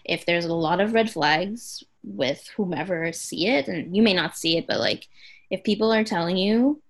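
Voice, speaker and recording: A woman's voice: lowish voice, animated, normal speed, gravelly. A young woman co-hosting a podcast, talking in a rambling, emotional way with lots of "like". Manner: rambling, heavy use of "like", emotional. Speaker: podcast co-host. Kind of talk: casual chat.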